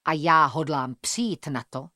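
A woman with a lowish voice reads a first-person story aloud in a measured, tense way. The recording is dry and close, with no room sound. Her delivery is steady, like scripted audiobook narration. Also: no echo.

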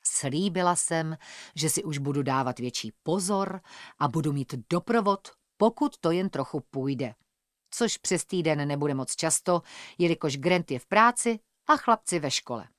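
Woman audiobook narrator, low-ish voice, measured and tense, dry close mic. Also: expressive, no room sound. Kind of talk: scripted first-person narration.

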